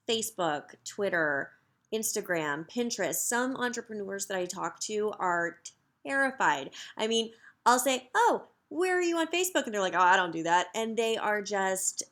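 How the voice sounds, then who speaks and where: A woman in her thirties, a social media coach, making an upbeat, chatty pitch straight to camera with frequent fillers. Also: a bit bright. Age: 30s. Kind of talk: direct-to-camera sales pitch.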